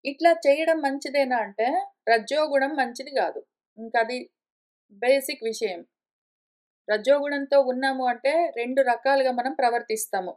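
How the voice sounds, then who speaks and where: A woman's voice: sits high, normal speed, long pauses. A woman teaching a scripture study class, patiently explaining step by step with everyday examples. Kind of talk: explanatory lecture. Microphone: conference call line.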